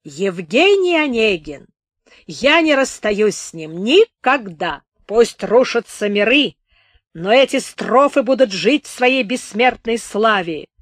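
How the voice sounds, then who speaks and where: A woman's voice: medium pitch, very animated, unhurried, no echo, clean studio sound. A woman voicing a voluble, theatrical male officer who declaims with pathos in an audiobook. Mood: declaiming. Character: voluble, bombastic middle-aged male officer.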